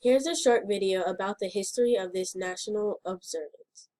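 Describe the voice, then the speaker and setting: A woman's voice: medium pitch, normal speed, mellow. An elementary school girl reading scripted morning announcements as a student presenter. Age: child, elementary school student.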